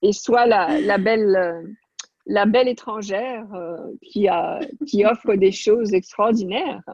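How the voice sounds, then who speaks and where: A woman's voice: medium pitch, slow pace, a little mellow, breathy edge, no echo. A woman coaching a group on an online call, talking off the cuff in an encouraging, directive way. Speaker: coach leading an online class. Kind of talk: spontaneous coaching talk. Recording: muffled, dull online-call audio.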